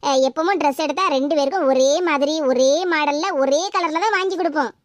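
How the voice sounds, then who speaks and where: A woman's voice: high voice, brisk, no echo, clean studio sound, voice pushed down, close to an everyday voice. A woman voicing a harried middle-aged village mother of two daughters, with a Tirunelveli accent, explaining patiently in a cartoon. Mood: weary explaining. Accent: Tirunelveli Tamil. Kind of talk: animated cartoon voice acting.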